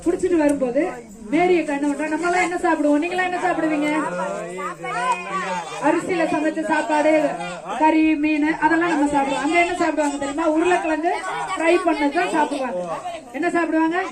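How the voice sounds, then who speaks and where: A high-voiced woman, a children's ministry teacher, tells a Bible story to a group of children outdoors in the rain, with their chatter all around. Speaking a little fast in a steady tone, she keeps asking the children questions and answering them, coaxing and affectionate.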